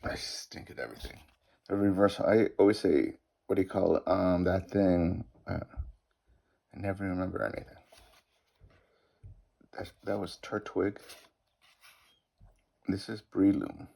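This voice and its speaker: Opening card packs, a middle-aged Bostonian rambles casually and pokes fun at himself, stumbling over card names. He speaks in a low, mellow voice with vocal fry, keeping a steady tone, a measured pace, and long pauses.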